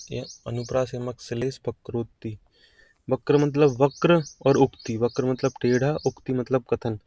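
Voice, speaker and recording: A man's voice: mid-range voice, dark tone, highs cut off. A man teaching an exam-prep grammar lesson, explaining patiently and repeating key phrases.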